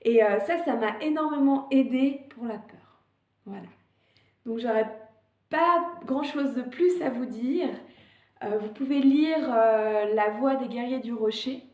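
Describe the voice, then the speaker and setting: A woman's voice: a little high, a little slow, darkish tone, reverberant. A woman vlogger giving casual advice on climbing fears, often hesitant, with fillers and restarts.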